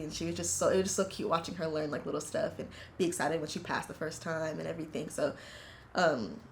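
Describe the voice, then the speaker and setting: This is a US woman in her 20s, a university student, sharing her family's story as an interviewee in a relaxed, personal way. Her voice sits fairly low, and she speaks earnestly and reflectively, halting often with plenty of fillers. There's slight background noise.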